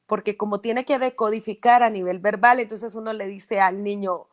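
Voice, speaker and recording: A woman's voice: medium pitch, fairly even intonation, normal speed. A speech therapist, a woman, explaining patiently in an interview and often checking "¿verdad?". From Guatemala.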